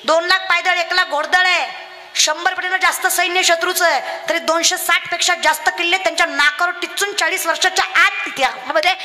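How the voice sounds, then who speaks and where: Fiery high-voiced woman preacher. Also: fairly even intonation, a little fast, pushed and bright. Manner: fiery, rousing, addresses crowd directly, acts out funny voices in stories. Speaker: kirtan preacher. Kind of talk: devotional kirtan sermon with storytelling.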